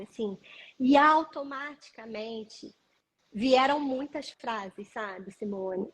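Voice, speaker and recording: A woman's voice: fairly high pitch, breathy edge, poor audio. A woman and parent educator speaking earnestly and reflectively in a live video chat, often checking in with her listener. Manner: earnest, reflective, peppers speech with "né" and "sabe".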